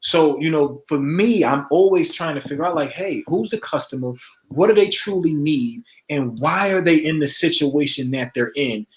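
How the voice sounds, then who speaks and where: A man co-hosting a podcast, joking around and backing his co-host with quick interjections. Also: on the high side, animated. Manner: jokey, quick interjections and affirmations. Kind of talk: casual podcast chat. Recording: echoey room sound.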